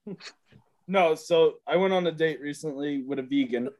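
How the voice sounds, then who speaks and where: Young male co-host, animated storyteller with a loose, profane tone. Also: fairly high pitch, normal speed. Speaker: podcast co-host. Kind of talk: casual storytelling chat.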